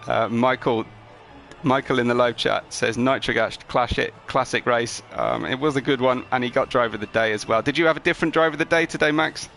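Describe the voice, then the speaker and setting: A man's voice: mid-range voice, fairly quick, vocal fry, a bit bright, faint music behind. A man hosting a sim racing league broadcast, chatting upbeat with drivers after the race, with plenty of ums. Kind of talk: post-race interview chat.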